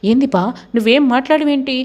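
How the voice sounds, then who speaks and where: A woman's voice: high voice, brisk, a little mellow, lo-fi sound, pitched above the performer's own voice, lightly acted. A woman voicing a mocking, rustic middle-aged woman with colloquial village speech, as dialogue in a serial recap.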